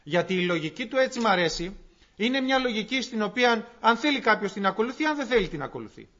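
A man preaching a sermon to his congregation, explaining scripture in an earnest, unhurried way with frequent pauses. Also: high voice, big pitch swings, a bit bright. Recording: dull lo-fi recording.

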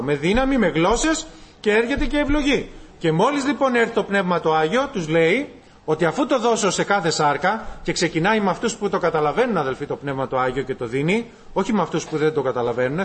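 A man preaches a sermon. His delivery is animated, and he calls his listeners brothers. He swings between loud bursts and quiet asides. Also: on the high side. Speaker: pastor.

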